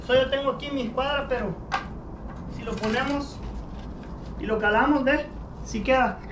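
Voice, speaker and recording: A man's voice: very high-pitched, moderate pace. Man explaining carpentry in a noisy, echoey yard. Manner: explains step by step, checks in with frequent "ok?". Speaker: home repair vlogger. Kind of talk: casual how-to narration. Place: outdoor workshop by a shed.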